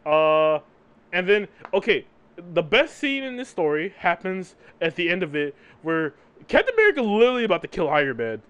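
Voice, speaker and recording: A man's voice: high voice, fairly bright tone, clean tone, dull audio. A man co-hosting a podcast, chatting casually about comic books and tagging his points with "right?". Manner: tags sentences with "right?"; laughs often between points. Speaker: podcast co-host. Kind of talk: casual comic book discussion.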